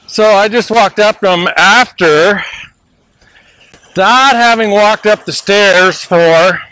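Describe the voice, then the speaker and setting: An older man with a high, bright voice talks casually and playfully, pressing his points with repeated hooks. He sounds slightly winded, and the recording is dry and close. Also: slow pace, dry recording, poor audio. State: slightly out of breath. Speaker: network marketing trainer. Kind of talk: casual motivational vlog.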